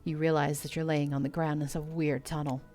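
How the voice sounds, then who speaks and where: A woman's voice: low voice, flat delivery, a little fast, a little mellow, soft background music. An Australian woman streaming a dating game, reading its narration aloud in a playful way. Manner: playful, laughs easily.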